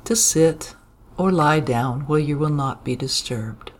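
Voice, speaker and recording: A calm meditation guide talks at a very unhurried pace, stretching out each phrase and leaving long pauses between lines. The voice sits at an ordinary middle pitch. A steady wash of ambient sound is clearly heard behind it. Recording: clear ambient background noise.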